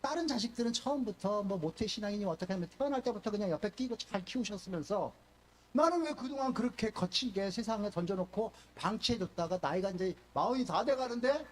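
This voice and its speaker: An older male pastor giving a sermon, telling stories with animated delivery and acting out quoted speech. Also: high-pitched, a little fast, slight background noise. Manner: animated storytelling, voices quoted speech, fillers and restarts.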